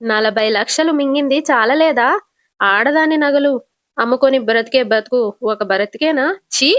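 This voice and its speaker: A woman's voice: high-pitched, normal speed, a bit bright, no echo, studio quality. A woman voicing a blunt, angry young husband who speaks scornfully and accusingly.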